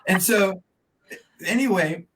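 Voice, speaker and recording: A man's voice: high voice, slow, over a noisy crowd, low-quality recording. Chatty older man telling a band story. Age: 70s. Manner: rambling, chatty anecdote-telling. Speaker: band member guest. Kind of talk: casual interview storytelling.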